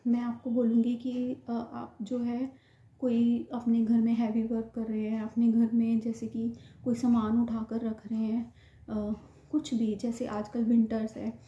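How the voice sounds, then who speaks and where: A young woman talks in a flat, level tone and repeats her advice earnestly, slightly short of breath. Her voice sits a little high but sounds very dark and mellow. The recording is roomy and lo-fi, as in a room at home. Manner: earnest, repetitive, instructive. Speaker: vlogger sharing her IVF experience. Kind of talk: casual advice talk to camera.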